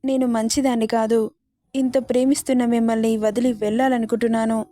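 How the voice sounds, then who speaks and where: A woman voicing a gentle young wife who pleads softly with her husband in a storybook reading. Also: a little high, level tone, quick pace, no room sound, clean studio sound, natural voice. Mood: pleading.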